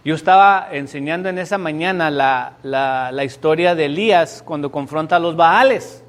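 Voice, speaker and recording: High-voiced pastor preaching. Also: male voice, moderate pace. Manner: emphatic, dramatic storytelling. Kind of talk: sermon. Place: church sanctuary before a congregation.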